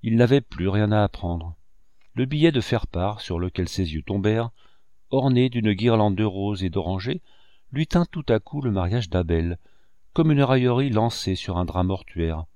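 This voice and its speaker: A man with a fairly low voice reading literary prose aloud, measured and expressive, in the manner of a classic audiobook. The recording is dry and close, with no room sound. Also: no room sound. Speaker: audiobook reader.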